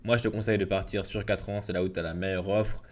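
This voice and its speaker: A young man giving a casual, filler-heavy software tutorial. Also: deep voice, steady tone, fast. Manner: casual, informal, many fillers and restarts. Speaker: WordPress tutorial youtuber. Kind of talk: screen-recorded software tutorial.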